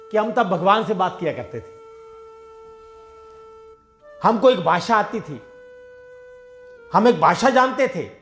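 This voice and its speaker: The voice sits high and has a fairly bright tone. It belongs to a satsang preacher giving a devotional sermon, who tells everyday parables in a conversational way and acts out the dialogue in his own voice.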